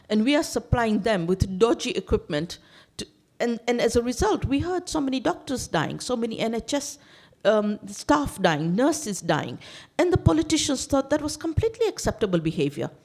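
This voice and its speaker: A woman raised in Tanzania, speaking as an election candidate to a room of elders. Her speech is forceful and insistent, and she builds long lists and repeats words to drive each point home. Her voice sits at an ordinary middle pitch. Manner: emphatic, piles up lists and repeats words when stressing a point. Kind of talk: campaign speech to a seniors' gathering. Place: community main hall.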